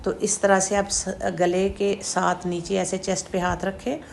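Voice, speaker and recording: A woman teaching Quranic letter pronunciation, explaining slowly and demonstrating throat sounds with repeated drawn-out syllables. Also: mid-range voice, level tone, vocal fry, a little hiss or hum. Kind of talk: slow step-by-step pronunciation lesson.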